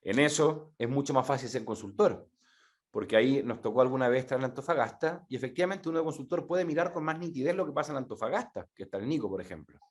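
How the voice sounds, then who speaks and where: A middle-aged Chilean man giving a talk to an audience, animated and repeating words for emphasis. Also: medium pitch, fast talker. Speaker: speaker presenting a methodology.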